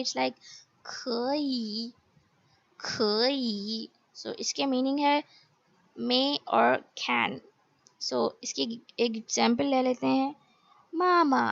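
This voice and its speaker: A woman teaching a recorded language lesson, talking slowly and carefully and mixing Hindi with English. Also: sits high, gravelly, dry recording, muffled recording.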